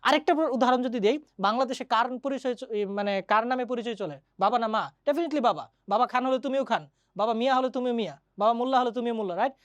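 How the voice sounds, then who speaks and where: A woman teaching an English grammar lesson, chatty and quick, often asking her students questions. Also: fairly high pitch, dry recording. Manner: mixes English grammar terms into Bengali. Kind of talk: online exam-prep lesson.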